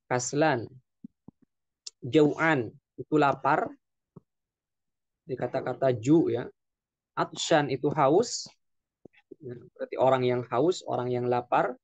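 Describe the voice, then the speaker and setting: A man teaching an Arabic vocabulary lesson, explaining slowly and repeating words with frequent fillers. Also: mid-range voice, dry recording. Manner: slow, repetitive explaining with frequent "ya". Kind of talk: classroom lesson.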